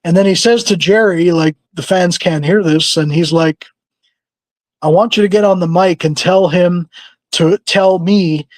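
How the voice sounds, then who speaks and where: A man's voice: high voice, a little slow, no echo, low-quality recording. A man on a podcast, casually telling a long story and acting out the people in it, laughing often. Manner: animated storyteller who acts out quoted people, laughs often. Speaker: podcast co-host.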